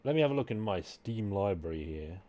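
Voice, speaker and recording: A man's voice: lowish voice, expressive, brisk, dark tone. A man with an Australian accent chatting casually and rambling with jokes while live-streaming a game. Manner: rambling, joking, chatting with viewers.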